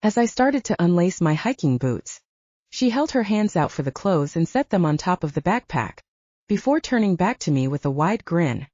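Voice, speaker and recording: Reading a story told in the first person, a woman uses a mellow, fairly low voice that's very animated, her pitch rising and falling a lot. She keeps a normal speed, and the dry recording comes across a bit dull.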